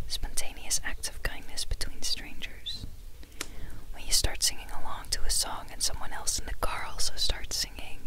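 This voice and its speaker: An ASMR host of unclear sex reading listener submissions in an unvoiced, breathy whisper, with a gentle, unhurried, soothing delivery. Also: rough recording.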